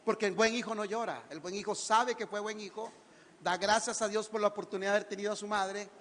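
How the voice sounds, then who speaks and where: A man's voice: high voice, fairly even intonation, fast, a bit bright, a little hiss or hum. A man with a Costa Rican accent preaching a theatrical sermon in church, firing questions at the congregation. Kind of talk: lively sermon. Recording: church hall reverb.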